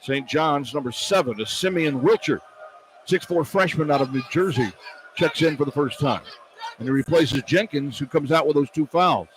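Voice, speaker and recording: Speaking at a normal pace in a slightly high voice, this American radio announcer calls a basketball game courtside at an indoor arena. He follows every pass and shot in clipped phrases, while arena ambience and the bounce of the ball sit behind his commentary.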